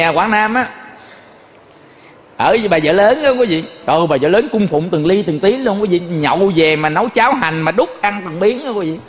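A man's voice: high-pitched, big-room sound. A man giving a folksy Buddhist sermon, telling stories and constantly addressing his listeners. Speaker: Buddhist monk teacher.

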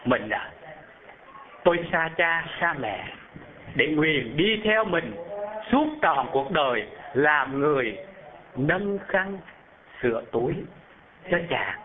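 A man voicing a devoted fourth wife who speaks softly, slowly and tenderly, heard over a phone-like narrow band. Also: on the high side, big pitch swings. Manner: soft, slow, tender.

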